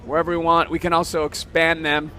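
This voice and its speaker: Casual man demoing software. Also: fairly high pitch, completely flat delivery, fast talker, soft background music. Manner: casual, explains step by step, frequent "okay?". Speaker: software demonstrator. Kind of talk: casual product demo. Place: trade show floor.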